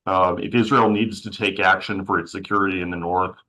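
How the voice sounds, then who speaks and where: A man's voice: low voice, fairly even intonation, fairly quick, bright, forceful tone, low-quality recording. A man moderating a policy panel who is losing his voice and asks long, rambling questions.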